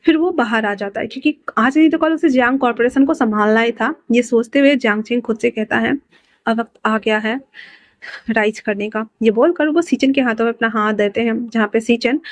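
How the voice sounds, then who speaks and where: A woman narrates a fan-fiction story in a loose, chatty manner, reading out the characters' lines herself and now and then breaking in with her own excited asides. Her voice sits a little high. The recording is close and dry, with no room sound. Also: dry recording.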